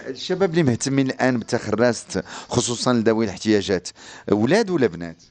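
A man's voice: mid-range voice, sing-song, rapid-fire, darkish tone. A man with a Moroccan accent interviewing someone conversationally, rephrasing his questions as he goes. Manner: rephrases questions, frequent backchannel murmurs.

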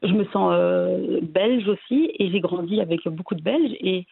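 A woman from Belgium, a guest talking casually and hesitantly about her family, with many pauses and restarts. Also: lowish voice, creaky, husky, dry recording. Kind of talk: casual interview conversation. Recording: tinny phone-like line.

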